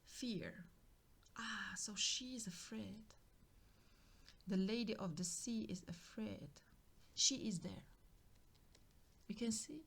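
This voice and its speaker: A woman's voice: medium pitch, slow, creaky, pauses often, a bit bright, breathy edge. A woman giving a spiritual tarot reading, musing and repeating herself, now and then dropping into a whisper. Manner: musing, repetitive, drops into whispers. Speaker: tarot card reader.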